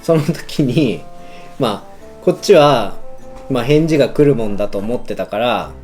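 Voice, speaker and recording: Animated man in casual reminiscence. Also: medium pitch, unhurried. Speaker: husband and father co-hosting a couple's chat. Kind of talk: casual chat, telling a story from their dating days. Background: background music.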